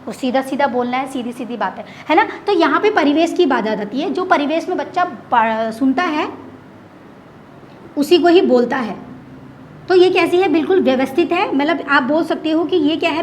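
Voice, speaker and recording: A woman's voice: high-pitched, a little hiss or hum. A woman teacher giving an online exam-prep lecture, explaining in simple terms, repeating key words and answering her own questions.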